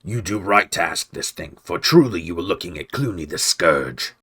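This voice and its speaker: A scornful, menacing rat warlord from a storybook, sneering with cold command, as a man puts him on. The voice sits deep and low, growling through each threat. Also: expressive, moderate pace, sharp tone, husky, full character voice. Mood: mocking. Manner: contemptuous, growling.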